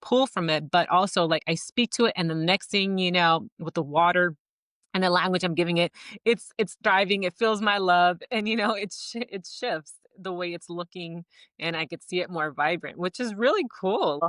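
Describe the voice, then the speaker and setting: A woman co-hosts a relaxed podcast and tells personal stories with animated energy, often laughing along. Her voice sits a little low. The sound is dry and close. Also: normal speed, no room sound. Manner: animated storyteller, laughs often, acts out lines. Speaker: podcast co-host. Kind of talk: casual conversational podcast.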